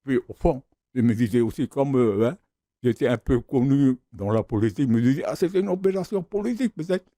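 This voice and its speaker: An older man from the Austral Islands reminisces in a mellow, warm tone. His talk loops and repeats as he reaches for words, and the sound is close and dry, like a studio. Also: mid-range voice, animated, brisk, no room sound. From Austral Islands, French Polynesia. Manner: repeats words while searching, storytelling. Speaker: founder of the crafts service, guest.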